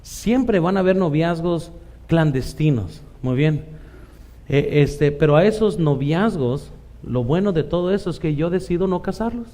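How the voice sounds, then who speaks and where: A man's voice: on the high side, lively intonation, a little slow, warm tone. A middle-aged man with a Mexican Spanish accent preaching a conversational sermon as pastor, often tossing in "¿verdad?" asides and acting out the voices he quotes.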